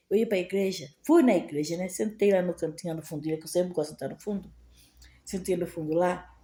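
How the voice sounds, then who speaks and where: A woman's voice: medium pitch, mellow, roomy sound. A middle-aged woman, giving a fervent, repetitive, heartfelt spoken testimony in a casual way. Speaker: vlogger sharing a testimony.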